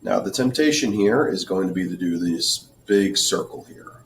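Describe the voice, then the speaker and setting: A man giving a drawing tutorial, talking through each step in a relaxed way, clearing his throat now and then as he loses his voice. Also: deep voice, moderate pace, recorded from a distance, slight background noise. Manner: relaxed, thinking aloud while drawing, frequent throat clearing. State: losing his voice. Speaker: art teacher.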